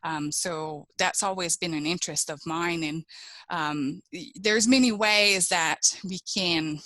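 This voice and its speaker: Researcher lady from quebec, bright tense voice, lots of um and uh, dry sound. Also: fairly low pitch, a little slow, dry recording, poor audio. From Quebec, Canada. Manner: hesitant, many fillers and restarts. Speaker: agronomy researcher, guest. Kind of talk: interview answers. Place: home office.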